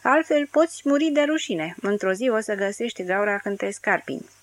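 A woman's voice: mid-range voice, fairly even intonation, a bit bright, voice pushed up, lightly acted. A woman voicing a drunk, crude, hysterical young woman with coarse, mocking outbursts. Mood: shrill, crude.

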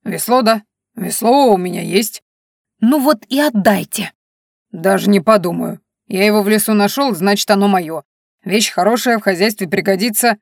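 A woman's voice: medium pitch, normal speed, creaky, no room sound. A stubborn, grumpy old forest spirit mumbles and lisps through his few teeth, as a woman puts him on for an audiobook. He is hard of hearing, contrary and sly. The voice is dry and close, with no room around it. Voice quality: mumbling, lisping old man's speech. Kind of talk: audiobook reading.

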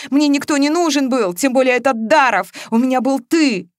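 A woman voicing a hurt young woman who speaks in high, tearful, outraged outbursts. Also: expressive, fairly quick, dry recording, clean studio sound.

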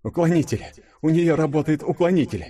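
A man's voice: on the high side, animated, a little fast, dark tone, pitched above the performer's own voice. A man voicing a young male hero in an audiobook, exclaiming in a raised voice. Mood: excited.

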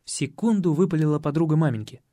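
A man narrating a first-person audiobook in a measured, wry storytelling manner. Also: fairly high pitch, dark tone, no echo, clean studio sound.

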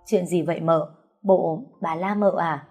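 A woman's voice: on the low side, fairly even intonation, measured pace, darkish tone, faint music behind. A woman voicing a frightened, chatty young housemaid, talking in breathless, fretful bursts. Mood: worried.

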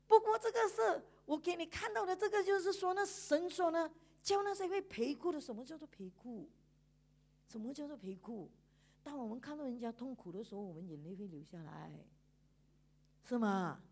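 A woman preaching a sermon in church, animated, with frequent laughter and emphatic sentence endings. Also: high-pitched.

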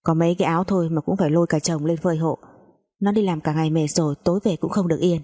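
A woman's voice: low-pitched, fairly even intonation, racing, warm tone. A woman voicing a domineering, self-pitying mother-in-law who scolds sharply. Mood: reproachful.

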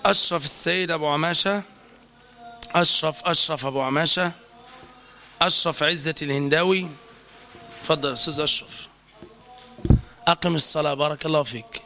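Man, teacher, high bright voice, corrects pronunciation syllable by syllable. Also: a little fast, long pauses, soft background music. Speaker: teacher correcting students' call to prayer. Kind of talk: live online recitation lesson.

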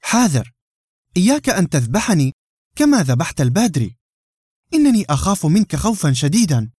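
A man's voice: fairly high pitch, very animated, brisk, darkish tone, slightly rough, no room sound, clean studio sound. Man doing a small cheeky boy. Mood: teasing.

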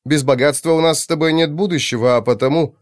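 A man's voice: a little high, fast talker, pitched above the performer's own voice, natural voice. A man voicing a bold mercenary captain who gives clipped, commanding orders, in an audiobook.

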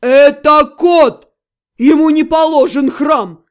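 A woman voicing a furious, capricious male high demon who bellows and shouts at people. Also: normal speed, lightly acted. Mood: roaring.

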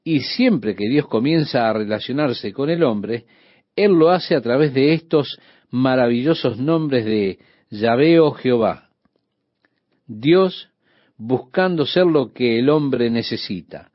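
A man's voice: medium pitch, slow pace, dry recording, lo-fi sound. Man teaching a radio Bible study. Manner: addresses the listener directly; steady explanatory teaching.

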